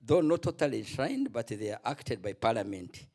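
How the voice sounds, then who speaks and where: A middle-aged man giving a spontaneous remark at a conference panel, halting and restarting often. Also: medium pitch, expressive, a little mellow. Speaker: panel contributor, former legislator.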